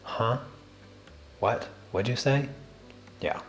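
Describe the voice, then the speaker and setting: A man hosting a drawing livestream chats casually with viewers in a very soft, quiet voice, his slow, deliberate cadence full of small restarts. His pitch is medium, and a little hiss or hum sits in the audio.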